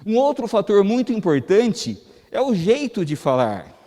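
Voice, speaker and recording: A Brazilian man with a Brazilian Portuguese accent gives a lecture to a gathered audience, keeping it conversational and asking them questions along the way. His voice sits a little high for a man. The long reverb of the hall carries behind him. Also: sing-song, unhurried, warm tone. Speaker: guest lecturer at a spiritist center. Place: hall of a spiritist center.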